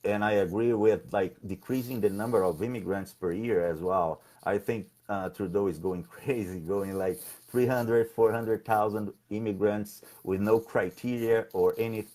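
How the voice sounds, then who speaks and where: A Brazilian political candidate speaks in a conversational interview, halting and frequently repeating his words. His voice is lowish with a warm tone.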